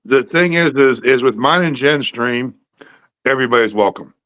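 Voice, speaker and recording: A man's voice: mid-range voice, moderate pace, fairly bright tone. A man in his fifties hosting a livestream, chatting casually over a video call in an easygoing, reassuring way. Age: 50s. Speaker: livestream host. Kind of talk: casual chat.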